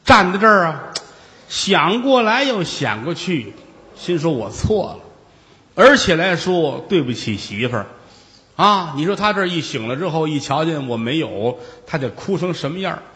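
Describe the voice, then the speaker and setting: A male storyteller spins a traditional tale, theatrical and chatty, breaking off for asides. His pitch is slightly high and swings widely. A long hall reverb trails behind him. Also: big pitch swings, moderate pace, pushed and bright. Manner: colloquial, theatrical, digressive asides.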